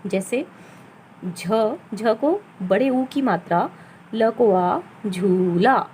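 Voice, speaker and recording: Slow patient lady teacher, kinda high voice, spelling words out bit by bit, faint noise behind. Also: expressive, warm tone, low-quality recording. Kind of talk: children's Hindi reading lesson.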